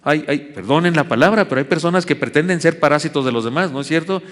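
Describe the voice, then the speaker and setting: Pastor from the north, folksy self-mocking preacher, church with long reverb. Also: male voice, on the high side, quick pace, a bit bright. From Chihuahua, Mexico. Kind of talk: sermon. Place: church sanctuary.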